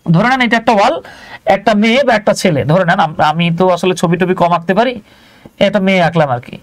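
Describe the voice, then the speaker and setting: A man's voice: high voice, fast. A man teaching an English lesson live, chatty and often checking that viewers follow.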